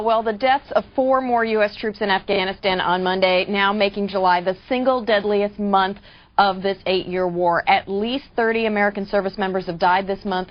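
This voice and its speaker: A woman reading news headlines in a measured, composed way on a morning TV show. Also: mid-range voice. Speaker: news anchor. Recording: dull lo-fi TV broadcast audio.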